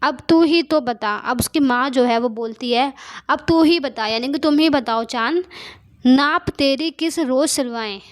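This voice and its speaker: High-voiced woman teacher explaining a poem. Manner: reads verses slowly, then paraphrases in plain spoken Hindi with English words mixed in. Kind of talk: explaining a Hindi poem line by line.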